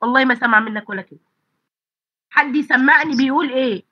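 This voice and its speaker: Congested with a blocked nose and throat, an Egyptian Arabic-accented pharmacy college lecturer gives an online lecture in a fast, somewhat husky, slightly high voice. She poses rhetorical questions to her students and answers them. Her computer mic on the video call gives a dull, dry recording.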